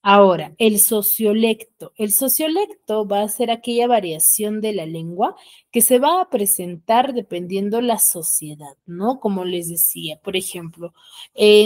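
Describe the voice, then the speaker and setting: A woman teacher from Peru, with a Peruvian Spanish accent, explains an online school lesson and often closes phrases with tag questions. Her voice is medium-pitched and darkish, picked up by a computer mic.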